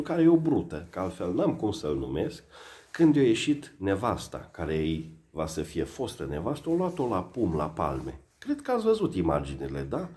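A man giving satirical news commentary in a sarcastic, mocking way. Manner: sarcastic, mocking, lively swings in pitch. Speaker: satirical vlogger.

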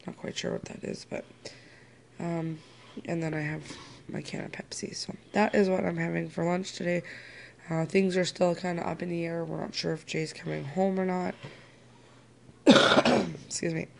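A woman's voice: lowish voice, steady tone, normal speed, creaky, long pauses, a little hiss or hum. A woman chatting casually to her camera as she shows off her garden and her lunch. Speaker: family vlogger. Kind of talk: casual vlog narration. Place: home and backyard garden, outdoors at times.

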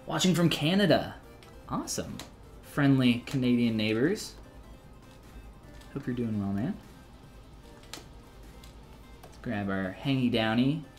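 A man in his thirties with a mid-range voice teaches 3D sculpting on a live stream, chatting casually and joking, and reads chat messages aloud between steps.

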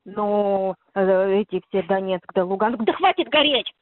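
A woman's voice comes through a tinny, narrow intercepted phone line with no room around it. She talks at a middling pitch in a chatty, rambling way. She passes along news and gossip as she goes. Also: expressive, a little slow, no echo. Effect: heard over an intercepted phone line. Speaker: soldier's relative on the phone. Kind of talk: casual phone call.

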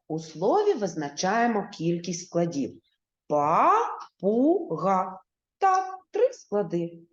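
A primary school teacher, a woman, speaking slowly and clearly as she guides young children through a reading lesson. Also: mid-range voice, darkish tone. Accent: Ukrainian. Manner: slow, clear, syllable-by-syllable teaching voice. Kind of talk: video reading lesson for first graders. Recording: echoey room, dull lo-fi sound.

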